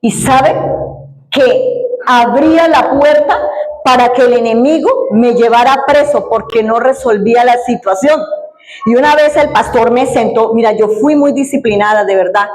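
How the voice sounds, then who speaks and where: A woman's voice: fairly high pitch, moderate pace, echoey room, poor audio. A woman pastor giving a sermon and telling an earnest personal story, acting out the people she quotes. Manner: earnest storytelling, quoting others in dialogue.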